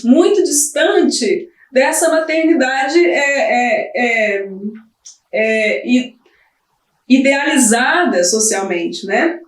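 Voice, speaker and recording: A woman's voice: high-pitched, lively intonation, very slow. A woman giving a hesitant, filler-filled analysis of a play. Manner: hesitant, filler-heavy, explanatory. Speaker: theatre commentator. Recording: roomy, from the mic at a distance.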